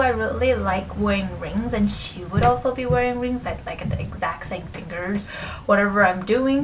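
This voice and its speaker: A woman's voice: medium pitch, distant mic, slight background noise, poor audio. A young woman talking casually to camera about her pet peeves, full of fillers, sometimes dropping to a near whisper. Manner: chatty, many fillers, drops to near whisper. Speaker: vlogger.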